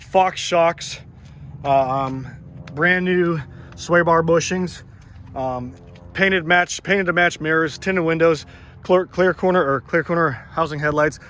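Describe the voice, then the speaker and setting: A man's voice: fairly high pitch, a bit bright. Rambling, eager man showing off a truck. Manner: rambling, filler-heavy, enthusiastic. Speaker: truck seller. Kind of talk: casual vehicle walkaround. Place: outdoors beside a parked truck.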